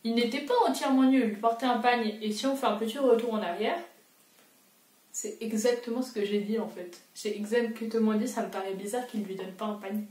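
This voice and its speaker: A woman's voice: on the high side, fairly even intonation, fairly quick, a little mellow, far from the mic. A young woman talks through a quiz in a casual, self-mocking vlog voice. She sits a little back from the mic in a roomy, echoing space. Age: young adult. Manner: chatty, self-mocking, thinking aloud. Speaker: booktuber.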